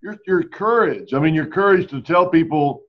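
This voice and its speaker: A man hosting a talk show, speaking in a halting, appreciative way. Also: a little high, lively intonation. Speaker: host. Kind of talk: casual interview talk. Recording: dull lo-fi sound.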